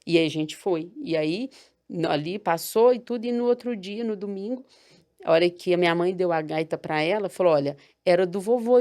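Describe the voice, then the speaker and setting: A woman in her thirties from Brazil, talking through a personal story in a soft, reflective way with frequent restarts. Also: medium pitch. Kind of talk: casual chat.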